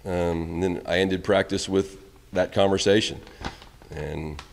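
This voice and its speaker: A man's voice: sits low, steady tone, measured pace, gravelly, in a large hall, a little hiss or hum. A middle-aged man, a college baseball head coach, answering questions candidly at a postgame press conference, recorded on reporters' mics in a press room. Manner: candid, rambling, trails off quietly at ends of answers. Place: press room in front of a backdrop. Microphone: reporters' phones and handheld mics held close.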